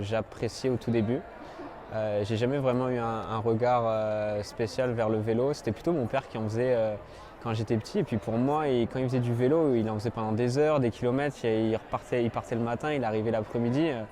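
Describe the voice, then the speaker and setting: A man in his twenties from France, telling his story as an amateur triathlete in a halting way, with many fillers and restarts. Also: mid-range voice, warm tone, slight background noise. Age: 20s. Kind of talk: personal interview monologue.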